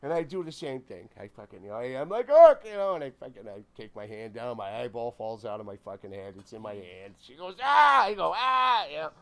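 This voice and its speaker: Middle-aged man, casual storytelling, animated and swearing, gravelly voice, bright and forceful tone. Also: on the low side, fast, few pauses. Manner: animated, swears constantly, shouts out quoted lines. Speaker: podcast guest.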